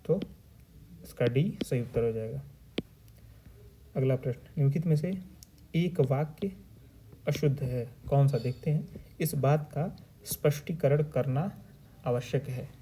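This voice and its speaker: A man with a very dark, mellow voice walks through past exam questions like a tutor. He reads the options aloud and then explains the correct spelling step by step. Faint noise hums underneath the recording. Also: mid-range voice, measured pace, long pauses. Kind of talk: previous-year paper discussion lesson.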